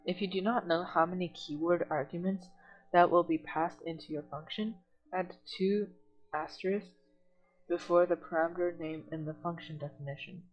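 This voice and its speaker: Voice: mid-range voice, steady tone, moderate pace, highs cut off, soft background music. A tutor in an online coding lesson who reads documentation aloud and then explains it plainly, step by step.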